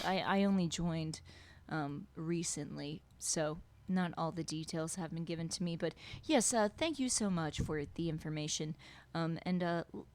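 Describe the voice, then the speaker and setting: A woman voicing a polite, newly joined adventurer in a tabletop role-play, speaking softly and a little unsure. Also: on the low side, close to an everyday voice. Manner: polite, soft, slightly unsure.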